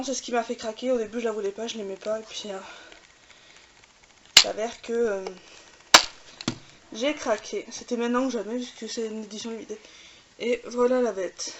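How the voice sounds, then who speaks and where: A woman with a French accent, chatting casually with many fillers while showing makeup swatches. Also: a little high. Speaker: beauty vlogger. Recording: faint hiss.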